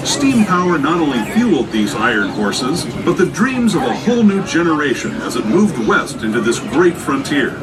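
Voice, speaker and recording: A man's voice: fairly high pitch, sing-song, moderate pace, few pauses, noisy background. A man playing a friendly railroad tour guide, narrating a scripted theme-park ride in a folksy storytelling way. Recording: distant train speaker under loud music.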